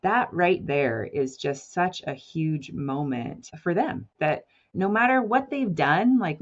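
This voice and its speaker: A woman's voice: sits low, dull audio. A woman who coaches teens and parents, speaking to parents in an earnest, encouraging way and often checking in with "right?" and "you know".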